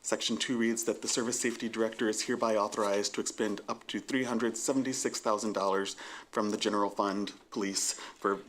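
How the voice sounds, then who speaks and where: A man with a lowish voice reads legal text into a desk microphone during a council meeting. He goes slowly and deliberately and fills pauses with uhs. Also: fairly even intonation, fairly bright tone. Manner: slow and measured, with filler uhs. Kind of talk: reading ordinances aloud. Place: city council chamber.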